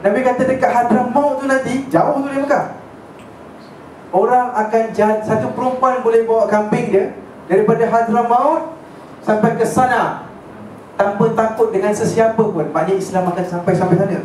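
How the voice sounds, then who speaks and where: A high-voiced man teaching a religious class, telling the story in a chatty way and often checking that his listeners follow. He is recorded from a distance in a very echoey hall. A faint hiss sits behind him. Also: fairly even intonation, moderate pace, darkish tone. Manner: chatty, checks in with listeners, mixes in English words. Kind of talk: casual lecture storytelling.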